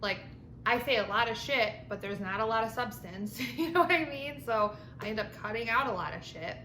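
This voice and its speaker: A woman's voice: a little high, animated, fairly quick, sharp tone. A woman vlogger rambling casually and informally to camera over lunch, with frequent filler words and mild swearing. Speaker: vlog host. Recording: echoey room with clear background noise.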